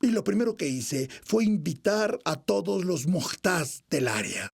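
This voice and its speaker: A man answering interview questions, telling his story earnestly in a gravelly, husky voice. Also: sits high, big pitch swings, measured pace.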